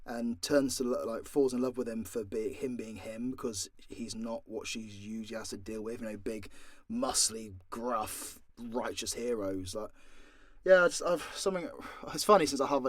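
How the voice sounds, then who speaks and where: With a medium-pitched voice at a normal speed, a British man answers fan questions in a relaxed, unscripted chat. He creates audio dramas and does voice acting, and he's blunt, jokey, and sweary. The sound is studio quality, with no echo.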